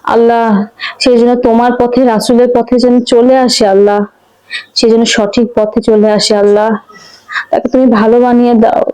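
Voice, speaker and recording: A pious wife, played by an actress in a short film drama. She pleads earnestly and respectfully, in a voice slightly higher than most women's. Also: level tone, moderate pace, mellow, clear, resonant tone, lightly acted, poor audio. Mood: imploring. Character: pious, imploring wife of a drinking husband.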